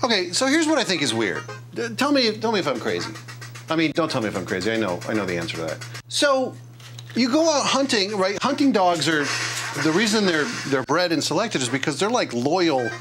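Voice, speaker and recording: A man's voice: a little high, wildly swooping pitch, fairly quick. A middle-aged man vlogging at his home workbench, joking and laughing at himself as he tests a repaired console. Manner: jokey and self-deprecating, hums tunes and laughs at himself. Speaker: craft and repair YouTuber. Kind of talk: casual vlog narration. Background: retro video game music.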